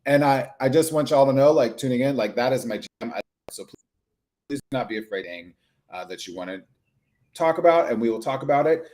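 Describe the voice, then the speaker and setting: This is a man talking freely in a casual live-stream conversation. His voice sits at an ordinary middle pitch. He rambles in an animated way, and his sentences are full of quick asides. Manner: chatty, animated, lots of "like" asides. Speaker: HIV clinician and advocate.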